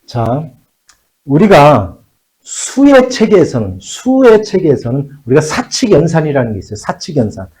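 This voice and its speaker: A man teaching high school math in a classroom, repeating key phrases and checking in with the students again and again. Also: very animated, moderate pace, darkish tone, rough recording. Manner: switches between polite and casual speech. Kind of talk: classroom lecture.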